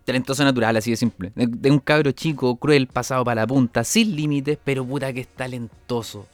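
Energetic Chilean man telling comic stories. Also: mid-range voice, fairly quick, no echo, faint music behind. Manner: rambling, energetic, with sound effects and stammered restarts. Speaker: comedian host. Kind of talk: comic storytelling.

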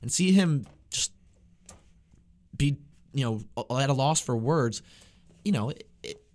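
A man's voice: mid-range voice, lively intonation, measured pace, darkish tone. A young male student hosting a campus sports talk show in an easy, conversational way. He stumbles and doubles back often, repeating words as he thinks aloud. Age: young adult.

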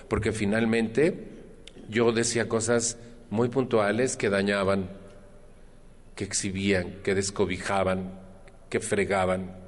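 A man with a Mexican accent giving a personal testimony at a support group meeting, chatting with the room, often asking questions and using earthy slang. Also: on the low side. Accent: Mexican Spanish. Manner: conversational, asks the audience questions.

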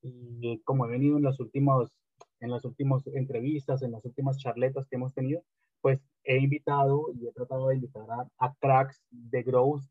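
A man hosting a casual interview podcast, relaxed and hesitant, with frequent fillers. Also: medium pitch, normal speed, husky, dry recording. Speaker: podcast host. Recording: dry, tinny phone-like line.

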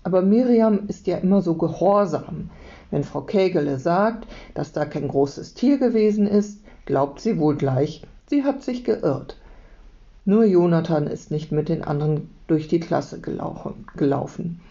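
A woman teacher calmly reading a children's book aloud to her class. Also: fairly low pitch, a little slow, creaky. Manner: calm, steady storytelling. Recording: dull lo-fi recording.

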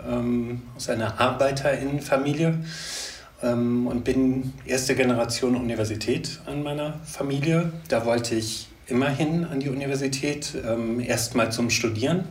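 A man from Germany, a researcher as interview guest, answering in a measured way with many fillers. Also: medium pitch. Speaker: guest, gender studies researcher. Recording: echoey room, distant mic, faint noise.

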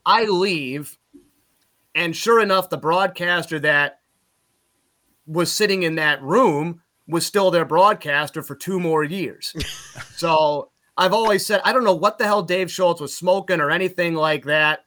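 Bright-voiced man telling lively stories. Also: fairly high pitch, unhurried. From Utica, New York. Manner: lively anecdotes, laughs at his own stories. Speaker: guest, college sports play-by-play broadcaster. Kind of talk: casual podcast storytelling.

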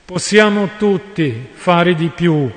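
Man giving a slow solemn sermon, high voice, echoing big church. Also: animated. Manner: slow, solemn, deliberate preaching. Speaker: preacher. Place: large church. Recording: long church reverb.

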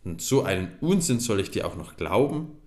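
A man's voice: sits low, sing-song, normal speed, a little mellow. Man doing a grumpy scornful tall man. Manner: gruff and scolding. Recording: echoey room.

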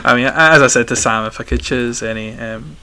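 Young scottish guy, thick glasgow accent, bright forceful voice, stop-start chatty interview answers. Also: mid-range voice, a little fast, smooth. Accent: strong Glaswegian. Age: young adult. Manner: talkative, hesitant phrasing with repeated word starts.

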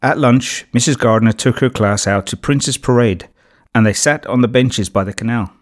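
A man steadily reading a children's storybook as narrator. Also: mid-range voice.

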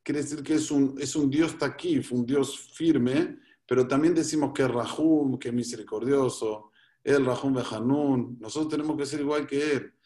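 A man's voice: mid-range voice, moderate pace, darkish tone. Male rabbi teaching, patient and explanatory, repeats phrases for emphasis. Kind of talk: religious teaching in a talk.

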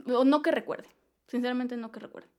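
A young woman with a Mexican accent chats casually, full of slang and easy laughter. Her voice sits a little higher than most. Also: fairly quick. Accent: Mexican Spanish. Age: young adult. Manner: slangy, laughs often, animated storytelling. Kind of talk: casual chat.

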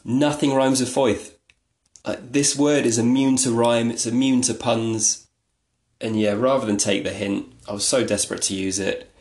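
A man's voice: medium pitch, fairly even intonation, normal speed, a little mellow. A man hosting a solo podcast, talking in a rambling, chatty, self-deprecating way. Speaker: podcast host. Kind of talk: casual solo podcast talk. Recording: echoey room.

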